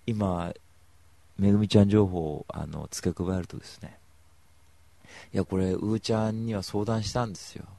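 A man hosting a radio show, telling rambling stories to listeners with emphatic, animated delivery on a studio mic. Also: low-pitched, normal speed, gravelly, long pauses, dry recording. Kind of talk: casual solo radio talk.

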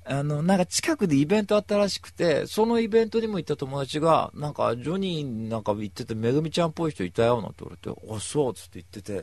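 Brief: male talk host, husky lively delivery, dry close mic. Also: fairly high pitch, fast talker, few pauses, no room sound. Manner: animated, acts out other people's lines in voices. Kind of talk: casual storytelling monologue.

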